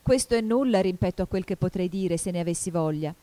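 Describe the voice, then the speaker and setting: A woman's voice: fairly low pitch, fast talker, warm tone, dry recording, close to an everyday voice. A woman doing a preachy, fussy duchess. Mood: teasing. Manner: sing-song, moralizing.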